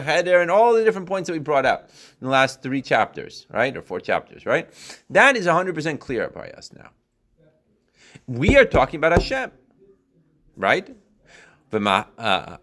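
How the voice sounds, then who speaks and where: A man's voice: medium pitch, fairly bright tone. A man giving an informal religious text lesson as a teacher, reading line by line, rephrasing and often checking in with short tag questions. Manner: explanatory, repeats and rephrases, checks with frequent "right?". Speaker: Torah teacher.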